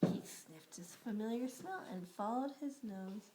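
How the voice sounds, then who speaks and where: A woman reading a picture book aloud to young children in an animated way, pausing to ask them questions. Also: a little high, noisy background. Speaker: storybook reader.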